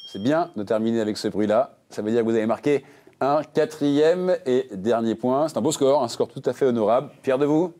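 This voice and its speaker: A man's voice: medium pitch, dark tone, a little hiss or hum. A man hosting a religious quiz game show, reading questions and answer options with playful puns. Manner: playful, jokey, reads options briskly.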